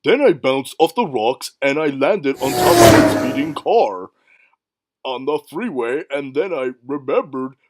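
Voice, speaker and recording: A man's voice: on the high side, darkish tone. A man voicing a dopey, cheerful cartoon dog who rambles through silly stories.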